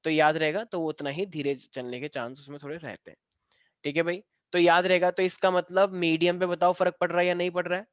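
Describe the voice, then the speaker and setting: A man's voice: high-pitched, fairly even intonation, fairly quick, smooth, no echo, lo-fi sound. A man teaching a science class, explaining step by step and joking with his students. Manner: playful, joking and teasing students. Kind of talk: live online class lesson.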